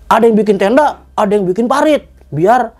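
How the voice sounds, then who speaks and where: A young man, a guest telling a story in casual chat, animated, acting out dialogue and swearing casually. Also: sits high, a little fast, husky.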